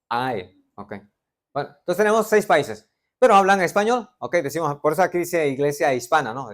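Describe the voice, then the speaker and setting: A middle-aged man from Veracruz with a Veracruz Mexican Spanish accent, preaching a sermon and quizzing the congregation with joking asides. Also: fairly high pitch. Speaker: pastor.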